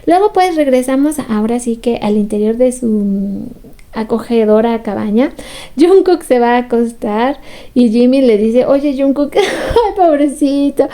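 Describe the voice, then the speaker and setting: A woman talks through a show recap in a casual, chatty way. Her voice sits a little high but sounds warm and mellow. She comes across as sympathetic, and she laughs easily. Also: moderate pace. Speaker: fan recap commentator.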